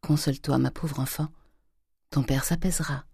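A reader voicing a soft, frail mother. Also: medium pitch, fast, husky, no echo, studio quality, lightly acted. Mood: soothing. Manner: soft and pleading. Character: gentle, frail older mother.

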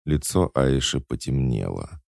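A man narrating a novel in the first person with a measured, expressive reading. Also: extremely low pitch, creaky, no room sound, clean studio sound. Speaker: audiobook narrator.

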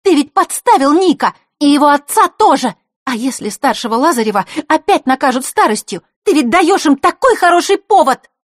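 Woman playing a shrill indignant girl, high, loud, storybook, dry sound. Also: big pitch swings, normal speed, no room sound. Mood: furious. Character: hot-tempered girl, Vasilisa, young teen.

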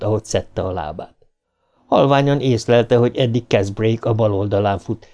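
Guy narrating a horror audiobook, mid pitch, tense and dramatic. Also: dark tone.

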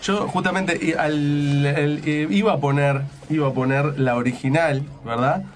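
Male radio host, somewhat high voice. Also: fairly even intonation, measured pace, faint music behind. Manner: rambling, laughs often, many restarts. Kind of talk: casual radio chat.

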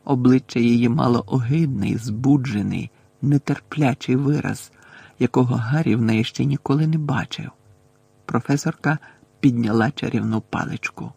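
A man narrating an audiobook with an expressive, dramatic reading. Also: mid-range voice, normal speed, creaky, breathy edge, no room sound.

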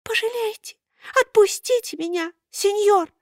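Woman doing a shrill whining wooden puppet boy. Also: unhurried, no echo, studio quality. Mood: pleading. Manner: thin plaintive wailing voice.

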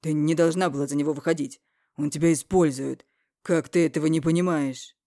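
A woman voicing a scheming, mocking young man in an audiobook, speaking loudly and evasively. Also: low-pitched, fairly even intonation, moderate pace, dry recording, studio quality. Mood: accusing. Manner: loud, evasive, sneering. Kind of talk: audiobook character reading.

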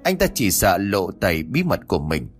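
A man reads a horror story with a low voice that rises and falls expressively. His delivery is steady and dramatic, with soft music quietly underneath. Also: moderate pace. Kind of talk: scripted narration of a horror story. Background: faint music.

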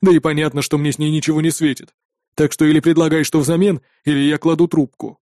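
A man's voice: a little high, level tone, quick pace, warm tone, no echo, studio quality, natural voice. A man voicing a weary, irritated male guild head who grumbles. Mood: grumpy.

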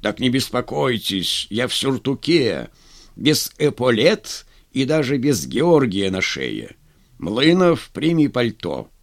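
A man voicing a stern, contemptuous army general who speaks gruffly, in a commanding way. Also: mid-range voice, big pitch swings, slow, no room sound, studio quality. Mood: stern scorn.

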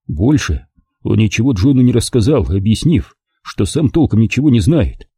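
A male audiobook narrator tells a tense scene in a measured, expressive way. His voice is low, very dark and husky, with lively pitch movement. The recording is bone-dry and close to the microphone. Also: dry recording. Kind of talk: scripted narration.

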